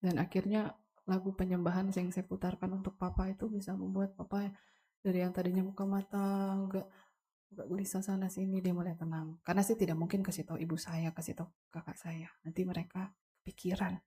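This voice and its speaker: Husky young woman giving a testimony. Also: lowish voice, little pitch movement, mellow. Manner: earnest, halting, addresses listeners as Bapak Ibu. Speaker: family member giving a testimony at a memorial service. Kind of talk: emotional spoken testimony to a congregation.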